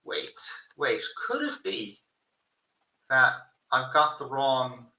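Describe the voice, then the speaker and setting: Man with a thin, tinny, bassless voice. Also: sing-song, takes it slowly, bright, forceful tone. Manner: rambling, swears often. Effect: thin tinny voice with no bass from the wrong built-in microphone. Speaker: livestream host. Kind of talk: casual livestream commentary. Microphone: built-in PC microphone picked by default. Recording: tinny distant echoey built-in PC microphone.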